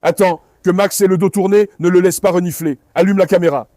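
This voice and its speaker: A man's voice: high voice, steady tone, fairly quick, warm tone, no echo, clean studio sound. A man hosting a dog vlog, coaxing his dogs and instructing a helper in a casual, repetitive way, outdoors. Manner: coaxing, instructive, repeats himself. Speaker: dog channel host. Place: outdoors at an industrial site.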